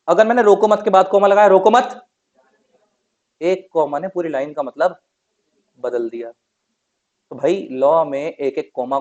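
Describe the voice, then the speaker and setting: A man's voice: on the high side, darkish tone, lo-fi sound. A man teaching law in a classroom lecture, mixing with English terms and asking questions that he answers himself. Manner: chatty, asks students questions and answers them himself; mixes Hindi with English terms.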